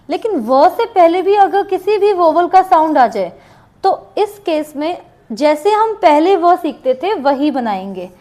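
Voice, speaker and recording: High-pitched woman, unhurried shorthand teacher who repeats each example. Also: a little mellow. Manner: slow, repeats each example word twice. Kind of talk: classroom lesson with board writing.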